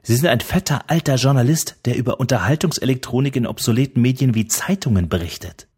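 A man's voice: low-pitched, animated, normal speed, a little mellow, husky. A man reading an audiobook who voices a cheeky, brash young woman with mocking sass. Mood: furious. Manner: mocking, gum-chewing sass. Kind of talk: audiobook character voice.

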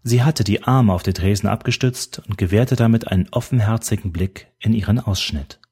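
A man narrating an audiobook in a steady, even storytelling manner. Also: fairly low pitch, brisk, slightly rough.

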